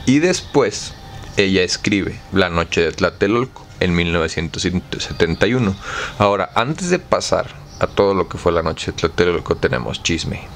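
A man's voice: low voice, lively intonation, normal speed, slight background noise. A man with a Mexican accent, casually commenting on a book with lots of slang and an irreverent tone. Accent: Mexican Spanish. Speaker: book club host.

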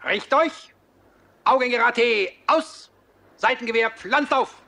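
Older male Prussian captain, gravelly drill-sergeant bark, raised high pitch, noisy old film sound. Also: slow, pushed and bright, exaggerated voice. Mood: curt, commanding. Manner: German drill sergeant bark, curt orders. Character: ageing self-appointed Prussian army captain, curt, commanding. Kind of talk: period military film acting. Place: outdoors on street, film microphone.

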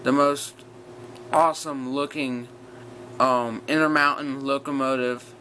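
A man's voice: mid-range voice, unhurried, rough recording. A young man vlogging casually in a rambling, blunt way, his speech slightly slurred by wearing a retainer. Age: teens to young adult. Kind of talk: casual rant to viewers. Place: small bedroom, sitting on bed. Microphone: built-in device mic at arm's length. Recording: clear steady fan noise, bedroom ambience.

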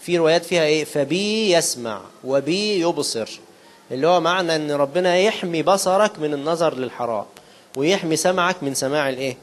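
A man with an Egyptian accent preaching a sermon in quick colloquial speech. He asks his listeners questions and answers them himself, and he slows down to recite quoted scripture. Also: on the high side. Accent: Egyptian Arabic.

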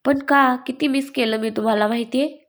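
A woman voicing an emotional, quick-tempered young woman who scolds fast and breaks into sobs. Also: high-pitched, steady tone. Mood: sobbing. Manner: rapid, scolding then sobbing speech.

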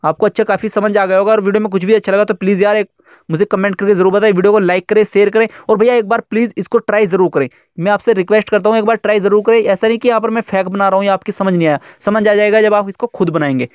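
A young man hosting a casual tech tutorial, chatty and quick as he walks through an app step by step. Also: sits high, steady tone, clean tone, no echo, phone-quality sound. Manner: quick chatty explaining with fillers. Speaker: YouTube tech tutorial host.

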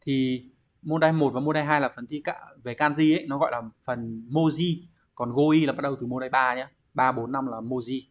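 He speaks at normal speed with a medium pitch and fairly even intonation, his Vietnamese accent clear as he teaches a Japanese exam lesson. Each answer gets a step-by-step explanation, punctuated by questions he puts to himself. The recording sounds dull and lo-fi.

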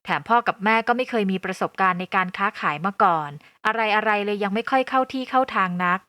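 A woman narrating a first-person audio novel in a calm, even storytelling voice. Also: medium pitch, a little fast, no echo.

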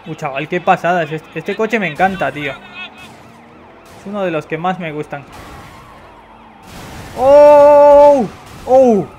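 Excitable young gamer from Spain high-pitched, loud outbursts and swearing, a bit stuffy, faint background hiss. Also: male voice, moderate pace, long pauses, lo-fi sound. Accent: Spain Spanish. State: slightly congested. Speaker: gameplay commentator. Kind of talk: casual let's-play commentary.

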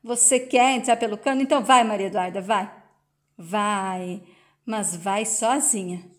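A woman, speaking a little slowly in a mid-range voice, reads the lines of a distraught father in a retold soap scene. Lightly acted and pleading, the father repeats himself as he refuses to give his daughter away.

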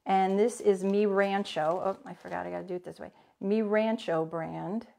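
Teaching a live cooking class from her own kitchen, a woman in her forties chats along and welcomes viewers by name. Her medium-pitched voice is steady and mellow, with some vocal fry, and she keeps a moderate pace.

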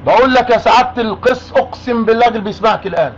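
A high-voiced Egyptian man talks fast and pushes hard, repeating his demands over and over. The call sounds muffled and lo-fi, with a faint hiss behind it. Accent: Egyptian Arabic. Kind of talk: argumentative phone call.

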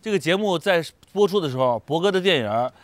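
A man's voice: fairly high pitch, expressive, fast talker, no echo. A young man chatting casually and playfully as a cast member on a reality show. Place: farmhouse and its open courtyard. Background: light music.

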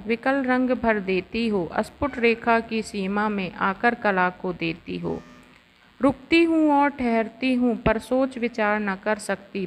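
Woman slowly reciting classical Hindi verse. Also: a little high. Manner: slow, measured and expressive recital. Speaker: poetry reciter. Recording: long reverb with faint ambient noise.

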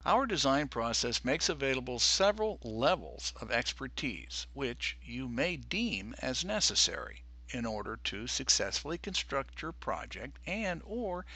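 A man narrating a scripted business presentation in a measured, formal manner. His tone is bright and forward, and his pitch moves in a lively way from line to line. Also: gravelly. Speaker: pool designer presenting services.

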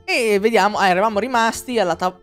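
A man's voice: high-pitched, fast, fairly bright tone, soft background music. A man streaming a video game, casually commenting, rambling and swearing with jokes as he plays. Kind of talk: casual let's-play commentary.

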